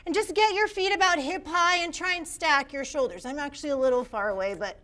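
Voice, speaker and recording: Giggly high-voiced yoga teacher woman. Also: brisk, fairly bright tone. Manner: upbeat, giggly, encouraging, cues students by name. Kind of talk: live yoga class instruction. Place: yoga studio with a class.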